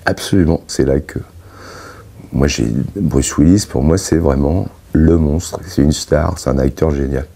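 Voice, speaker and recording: A man's voice: a bass voice, measured pace, creaky, dark tone, breathy edge. A man being interviewed as a dubbing voice actor, speaking in an earnest, admiring way.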